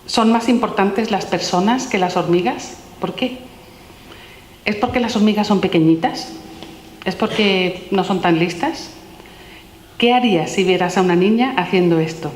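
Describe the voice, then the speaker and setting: A woman reads a stream of gentle questions from a children's philosophy book aloud to an audience. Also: mid-range voice, normal speed, slight background noise. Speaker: author presenting her book. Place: large echoey room at a public talk. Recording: roomy hall with long reverb.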